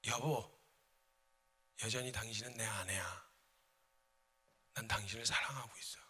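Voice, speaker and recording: A man voicing Hosea as a weary husband softly whispering love to his wife, in a reverberant church hall. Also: lowish voice, husky, pitched below the performer's own voice, full character voice. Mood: tender pleading. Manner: soft, whispered, slow.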